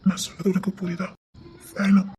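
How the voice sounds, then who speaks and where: A man's voice: high voice, monotone, a little fast, a little mellow, a little hiss or hum, close to an everyday voice. A man voicing a pushy, devoted young suitor, murmuring half-whispered in an amateur audio drama. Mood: tender.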